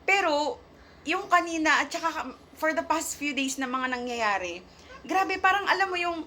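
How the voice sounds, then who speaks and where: High-voiced woman, emotional and halting. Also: lively intonation, bright, forceful tone, a little hiss or hum. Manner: halting, searching for words, mixing English into her talk. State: emotional, near tears and shaky at times. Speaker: vlogger sharing a faith testimony. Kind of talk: emotional casual testimony to viewers.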